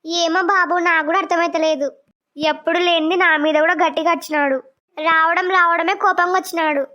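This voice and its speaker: A woman's voice: very high voice, fairly even intonation, brisk, bright, forceful tone. A woman voicing a middle-aged village mother who scolds sharply, on a dull lo-fi recording. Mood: scolding.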